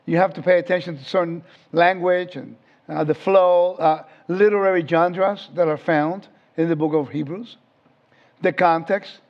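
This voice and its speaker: Here a Bible teacher in his fifties, originally from Puerto Rico, keeps his lesson casual and keeps putting questions to the class. He speaks on the high side at a moderate pace with fairly even intonation. Sound quality is dull and lo-fi.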